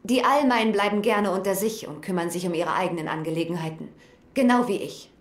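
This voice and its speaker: A woman's voice: medium pitch, fairly quick, natural voice. Woman voicing a fretful gnome alchemist. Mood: proud. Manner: grave and fretful. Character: worried female gnome alchemist, former head alchemist. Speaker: game character. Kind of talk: dubbed video game dialogue. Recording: echoey game audio.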